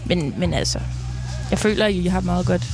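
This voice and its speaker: Danish woman chatting casually over loud music. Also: lowish voice. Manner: informal, mild swearing, occasional English slang. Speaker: interview guest giving advice. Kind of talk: casual chat.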